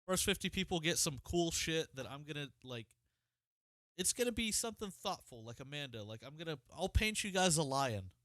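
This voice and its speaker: A man's voice: on the high side, normal speed, no echo. A man co-hosting a podcast in casual chat, ranting with lots of swearing. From Ohio, United States. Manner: profane, animated ranting. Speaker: podcast co-host.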